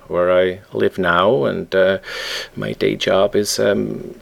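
A middle-aged man from Switzerland, a guest on a podcast, talking in a relaxed way and often pausing with ums as he looks for words. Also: medium pitch, creaky. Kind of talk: casual interview conversation.

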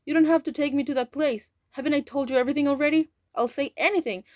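A woman voicing a terrified woman prisoner who begs loudly in a high voice. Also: fast, no room sound, studio quality, lightly acted. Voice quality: high, loud, frantic pleading.

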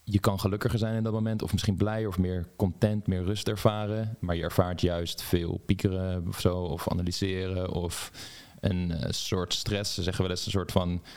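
A man's voice: deep voice, level tone, moderate pace, hardly any pauses, darkish tone. A male podcast host asking a reflective question and searching for his words as he frames it. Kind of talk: interview conversation.

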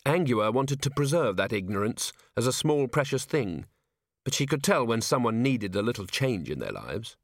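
Guy reading an audiobook, steady storyteller, medium voice, super dry. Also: medium pitch, no room sound. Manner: measured storytelling delivery. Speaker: audiobook narrator. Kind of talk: scripted narration.

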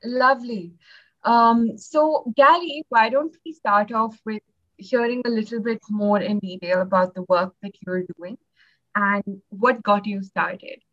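A young woman hosting a podcast, speaking in a measured, partly scripted way. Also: medium pitch, fairly even intonation, fairly bright tone, lo-fi sound. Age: young adult. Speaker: podcast host.

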